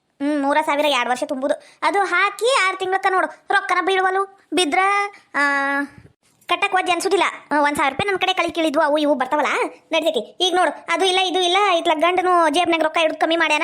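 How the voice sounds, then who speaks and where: A woman's voice: extremely high pitch, a bit bright. A woman with a North Karnataka Kannada accent, chatting and gossiping in rustic dialect in a scripted village comedy skit. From Gadag region, Karnataka.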